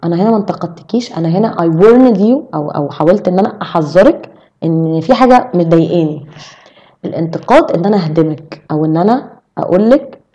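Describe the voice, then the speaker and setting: A young adult woman with an Egyptian Arabic accent, chatting as a podcast guest and explaining things with lively examples. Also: on the low side, highs cut off. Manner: animated, explaining with quick examples. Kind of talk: casual chat.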